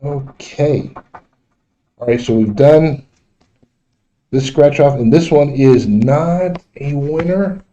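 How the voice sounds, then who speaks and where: A man hosting a casual, unscripted livestream, speaking in a halting, repetitive way, recorded in dull, muffled audio. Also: fairly high pitch, mellow. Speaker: livestream host.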